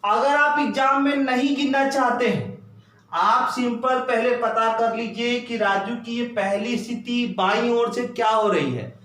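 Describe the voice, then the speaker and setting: A man's voice: extremely high pitch, unhurried, fairly bright tone. A male teacher explaining a reasoning problem step by step, counting positions aloud and asking the class rhetorical questions. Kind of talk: exam-prep lesson at a board. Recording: very echoey room.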